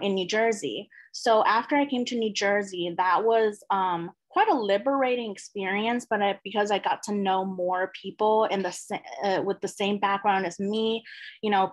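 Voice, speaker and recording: A woman's voice: medium pitch, fairly even intonation, moderate pace, low-quality recording. A young woman from China, a panel guest, earnestly telling her own story with filler words.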